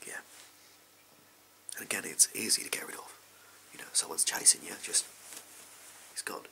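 A man's voice: normal speed, pushed and bright. Man playing a whispering sleazy English backstreet salesman, whispered role-play. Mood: furtive, selling. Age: young adult. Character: shady, amoral backstreet gun salesman, casual and furtive. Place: small indoor room at home. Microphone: close to the camera.

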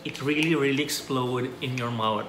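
A man's voice: mid-range voice, moderate pace, roomy sound, noisy background. A man from the Philippines doing a casual food review, talking between bites of ice cream. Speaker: food vlogger. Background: background music.

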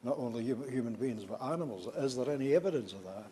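An older man making a halting intervention in a parliamentary debate, asking a question. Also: mid-range voice, dark tone. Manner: halting, recalls and then questions. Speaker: member of parliament. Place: large debating chamber.

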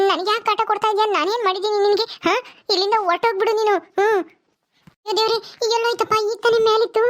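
A woman playing a cowardly daughter-in-law who wails and pleads in panic in a comic skit. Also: very high voice. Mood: panicky.

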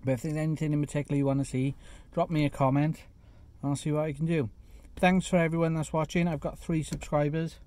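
A man reviewing a fast food burger in a chatty, casual vlog, sometimes talking with his mouth full, sitting in a parked car. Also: fairly high pitch, level tone, a little mellow, dry recording. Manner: chatty, eats while talking, self-deprecating asides. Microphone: phone camera.

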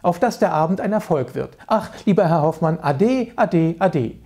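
A gushing, affected society lady, put on by a man reading aloud, her voice pitched high and full of airs. She effusively drops French phrases into her talk, as in an old-time storybook. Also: lively intonation, normal speed, mellow.

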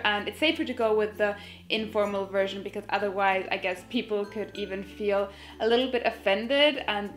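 A young woman talks casually to the camera, chatty and animated with her hands. Her voice sits in an ordinary middle pitch. Faint music plays underneath the recording. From Finland. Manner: chatty, gesturing with both hands. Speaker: vlogger. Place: indoors, bright room in front of a sofa.

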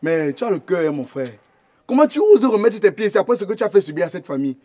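An actor playing a confrontational eldest brother who mocks an intruder. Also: male voice, high voice, very animated, fast, dark tone. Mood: mocking. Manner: mocking, confrontational. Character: protective young man, eldest brother of the family.

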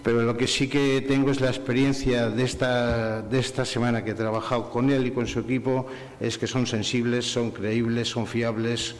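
A man's voice: mid-range voice, level tone, normal speed. A middle-aged man from Valencia gives formal, effusive thanks into a table microphone. His voice sits in the middle range. A long reverb from the large hotel room trails behind each phrase. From Valencia, Spain. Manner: warm, effusive, repetitive listing. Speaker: forum collaborator giving closing thanks. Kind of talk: formal public thanks at a business breakfast. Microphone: table microphone on stand.

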